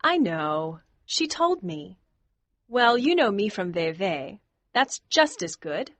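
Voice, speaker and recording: A lively teasing young lady. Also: medium pitch, takes it slowly, no room sound, exaggerated voice. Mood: chatty. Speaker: Daisy Miller. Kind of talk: audiobook dialogue acting.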